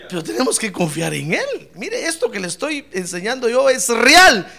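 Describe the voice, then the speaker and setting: Animated, gravelly-voiced male pastor. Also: very high voice, moderate pace, crowd noise. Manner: animated, joking then fervent preaching. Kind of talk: sermon.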